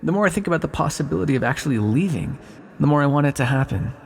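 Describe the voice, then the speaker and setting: A man plays an ancient captive villain for an ASMR roleplay, sly and lonely. His voice is creaky and husky, set deep in long reverb. He talks intimately and teasingly, musing between dramatic pauses with tender flirtation. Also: expressive, heavily acted. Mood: playful, flirtatious.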